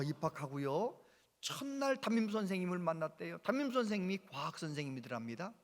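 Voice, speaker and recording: A man preaches in a sanctuary, telling his story with lively exclamations. His voice sits high. The sound carries a long, reverberant church-hall tail. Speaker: pastor. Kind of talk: sermon storytelling.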